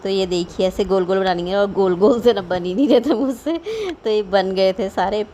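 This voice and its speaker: A woman's voice: medium pitch, a little fast, warm tone, slight background noise. A woman in her thirties chatting at home about her day and her cooking, rambling and homely. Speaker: vlogger. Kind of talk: casual voice-over cooking vlog.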